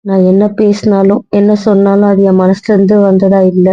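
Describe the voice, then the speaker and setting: A woman's voice: mid-range voice, monotone, normal speed, dark tone, no room sound, natural voice. Woman playing a pleading anxious young wife. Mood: fearful. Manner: pleading, repeating apologies. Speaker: wife in couple role-play. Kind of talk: Tamil audio drama role-play. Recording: dull lo-fi recording, dry.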